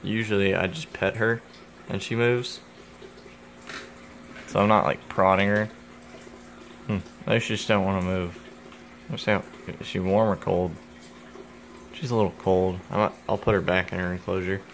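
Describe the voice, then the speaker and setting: A man's voice: deep voice, steady tone, normal speed, long pauses. A young man casually vlogging about his pet reptiles at home, rambling and joking and talking to the animals, filmed on his phone. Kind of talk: casual vlog. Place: home, indoors. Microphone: phone camera. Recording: phone recording with faint background noise.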